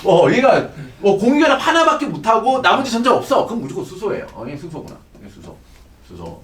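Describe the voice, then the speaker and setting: A high, lively male voice lecturing on chemistry, keeping his students engaged with constant check questions. He sounds middle-aged and sits back from the microphone, and his voice bounces around a reverberant classroom. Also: brisk. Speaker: chemistry teacher. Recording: echoey room, distant mic.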